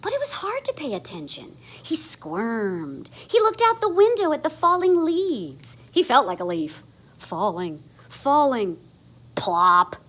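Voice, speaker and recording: A woman reads a children's story aloud a little slowly, her high, somewhat bright voice swooping wildly. She gives the sound words dramatic emphasis in an animated performance.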